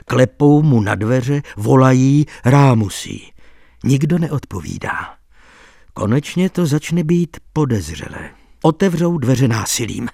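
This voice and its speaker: A man reading an audiobook voices a lively male court clerk who relishes telling a scandalous tale. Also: mid-range voice, vocal fry, no room sound, studio quality.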